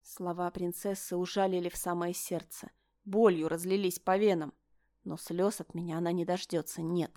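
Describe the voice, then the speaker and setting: A woman reading a novel aloud in first-person narration, with a quiet, measured delivery. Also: fairly low pitch, fairly even intonation, dry recording, studio quality. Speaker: audiobook reader.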